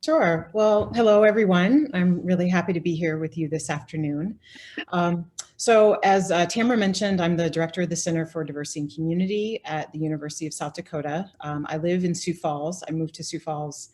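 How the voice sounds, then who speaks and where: A woman introducing herself on a panel, speaking softly with some hesitation. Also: lowish voice, fairly quick. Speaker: university diversity center director.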